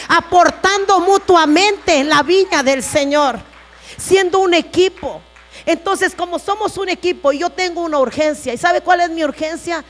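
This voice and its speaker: A woman pastor preaching a sermon in an earnest way, speaking to the congregation as brothers and sisters. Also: high-pitched. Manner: earnest, addresses listeners as brothers.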